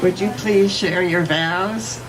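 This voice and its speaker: A woman officiant speaking in measured, solemn, deliberate phrases, as in a ceremonial address or poetry reading, recorded live. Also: lowish voice, steady tone. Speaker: wedding officiant. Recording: live ceremony with background noise.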